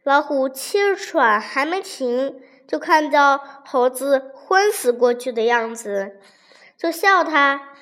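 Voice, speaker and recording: A woman narrating a children's folk tale in a notably high voice. She reads slowly and gently, taking her time over each line. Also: expressive. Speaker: storyteller.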